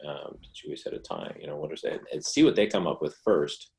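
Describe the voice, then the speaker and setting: Male presenter, low-pitched, easygoing explainer with lots of restarts. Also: brisk, creaky. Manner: relaxed conversational explaining, with restarts. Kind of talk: online presentation Q&A.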